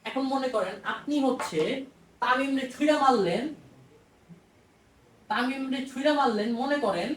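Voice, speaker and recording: A high-pitched woman with a Bangladeshi Bengali accent explains physics in a casual, talkative lecture. She repeats her phrases and answers her own questions. Her voice sits a little away from the mic in an echoey room. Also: normal speed, long pauses, recorded from a distance. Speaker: physics teacher. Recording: roomy echo, off-mic.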